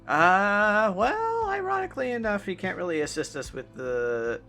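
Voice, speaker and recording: A man's voice: high voice, very animated, moderate pace, bright, forceful tone, faint music behind. A man playing a tabletop game, drawling his lines and laughing easily. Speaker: player. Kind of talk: casual tabletop chat.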